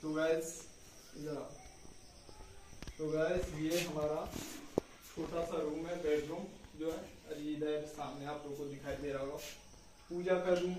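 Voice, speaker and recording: In this casual home tour vlog, a young man with a voice on the high side chats as he walks through a small concrete house, talking to his sister, who holds the camera a few steps off. The bare rooms and rooftop echo, the mic is distant, and the background is noisy.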